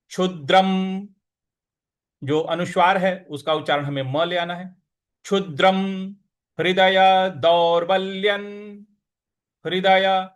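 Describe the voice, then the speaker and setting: A man with a high voice gives a lesson in careful recitation. He demonstrates slowly, one syllable at a time, explains more briskly in between, and chants verses in a melodic, intoned style.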